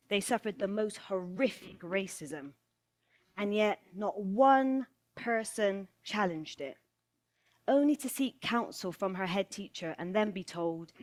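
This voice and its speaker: A middle-aged British woman from England giving a storytelling talk, rhythmic and deliberate, slowing and pausing for emphasis and returning to a rhetorical refrain. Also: mid-range voice. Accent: British English. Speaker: speaker.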